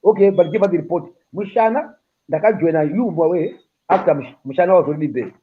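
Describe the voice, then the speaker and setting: A man from Zimbabwe chatting loudly and jokingly from a hospital room, boastful and playful, recorded on a phone camera. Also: sits high, quick pace. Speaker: patient filming himself. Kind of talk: casual chat. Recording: tinny phone-like audio.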